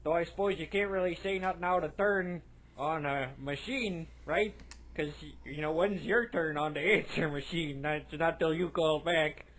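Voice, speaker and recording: A man's voice: a little high, normal speed, fairly bright tone, natural voice. A man voicing a long-winded male cartoon coach who leaves a folksy, rambling apology on an answering machine. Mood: sheepish.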